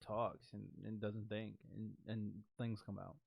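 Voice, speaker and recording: A man's voice: on the low side, flat delivery, a little slow, gravelly, a little mellow. A man hosting a podcast, reacting to clips in loose, slangy casual commentary that thinks aloud with restarts.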